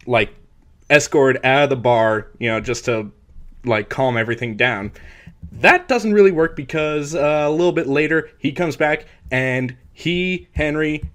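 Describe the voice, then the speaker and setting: Young guy w a bright voice, rambly podcast recap, lots of likes and uhs. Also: mid-range voice. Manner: rambling, filler-heavy retelling with bursts of impressions. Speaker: podcast co-host. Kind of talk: casual movie recap chat.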